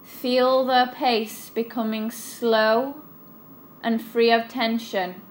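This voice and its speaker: Very slow-paced woman guiding relaxation. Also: a little high, flat delivery, slight background noise. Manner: soothing, unhurried, instructional. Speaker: guided relaxation instructor. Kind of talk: guided relaxation meditation narration.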